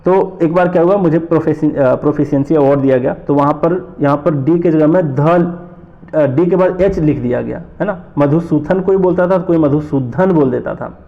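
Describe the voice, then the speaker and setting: A man from North India teaching an exam-prep lesson, explaining slowly, repeating terms and asking rhetorical questions. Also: a little high, narrow, tinny audio.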